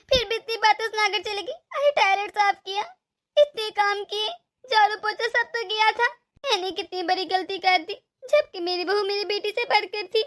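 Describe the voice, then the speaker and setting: A woman's voice: very high voice, fairly bright tone. A woman voicing a remorseful older mother-in-law in a cartoon, pleading for forgiveness. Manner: tearful, pleading. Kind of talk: cartoon voice acting.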